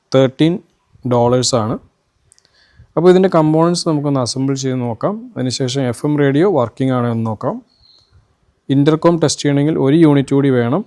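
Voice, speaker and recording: A man from Kerala with a Malayali accent gives an informal electronics product demo and tutorial, walking through it step by step. His voice is mid-range with a dark tone.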